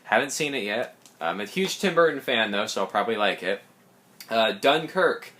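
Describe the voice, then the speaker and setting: A young man talks casually while walking through the films on his shelves at home, tossing in quick asides and correcting himself. His voice is slightly hoarse and sits at an ordinary middle pitch. Faint clicking can be heard behind him. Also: lively intonation, sharp tone, a little hiss or hum. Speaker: collector showing his films. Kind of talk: casual collection walkthrough.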